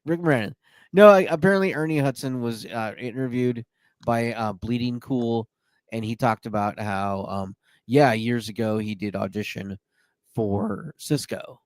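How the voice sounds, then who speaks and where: A podcast host with a mid-range voice chats casually at a moderate pace, with no echo. He is playful and jokey, using many fillers.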